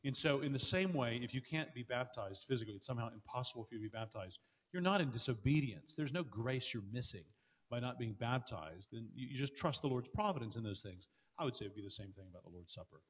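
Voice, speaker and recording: A man, a pastor, answering audience questions in earnest, quick speech with frequent restarts. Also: mid-range voice, expressive, breathy edge. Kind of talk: conference Q&A answers. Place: large hall with an audience. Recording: long reverb of a large hall.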